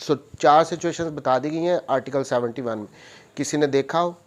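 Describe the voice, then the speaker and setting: A man with a Pakistani accent lectures on law in a slightly high, darkish voice at a fairly quick pace. He reads out clauses and explains them methodically, rephrasing each point.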